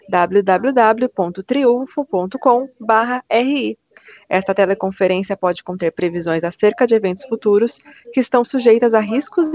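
A woman's voice: on the high side, darkish tone, dry recording. A woman with a Brazilian accent reads a scripted announcement as a conference call operator, in a formal, polite customer service voice. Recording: dull, lo-fi phone conference line.

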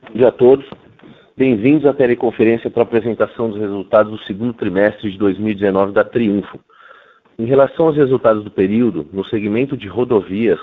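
A Brazilian man with a fairly low voice gives a prepared results presentation like a company executive. He is formal and measured. He comes through a narrow, tinny telephone line.

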